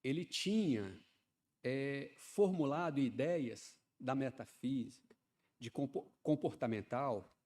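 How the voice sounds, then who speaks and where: A man, preaching a sermon in a chatty style that swells into loud, fervent emphasis. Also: medium pitch, animated, takes it slowly. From Ceará, Brazil. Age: 50s. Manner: conversational preaching, often adds "né", builds to loud fervent emphasis.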